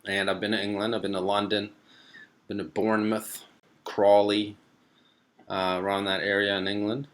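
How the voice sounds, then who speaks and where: This young Swede runs a live stream, easily working through viewer comments with loose, meandering answers and lots of filler words. His pitch is fairly low, his speed normal, and he leaves long pauses.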